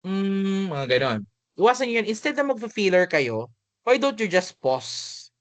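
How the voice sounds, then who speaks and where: A male teacher with a Filipino accent talks through a lesson in a relaxed, conversational way, moving between Tagalog and English. His voice sits a little high, and the recording is close and dry with no room sound. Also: moderate pace, dry recording. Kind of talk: spoken lecture.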